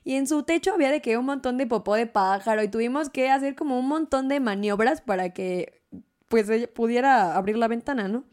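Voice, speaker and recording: A young woman tells a story in casual conversation. Her voice sits a little high, and she keeps it animated, laughing often and acting out what people said. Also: fairly quick. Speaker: guest.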